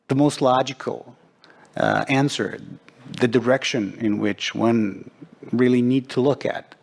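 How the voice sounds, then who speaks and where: A middle-aged man from Serbia speaking as a forum panelist, measured and deliberate, with frequent pauses. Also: medium pitch, vocal fry. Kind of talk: panel discussion remarks.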